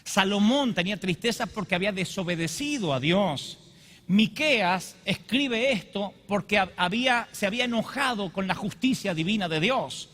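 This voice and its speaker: A man's voice: sits high, a bit bright. A man preaching a sermon to a congregation, impassioned and confessional, who often acts out quotes. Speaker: pastor. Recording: long reverb of a large hall.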